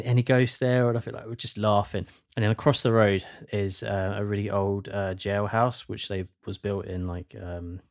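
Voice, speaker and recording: Rambling man telling a story. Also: on the low side. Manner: rambling, many fillers and restarts. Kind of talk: casual spoken storytelling.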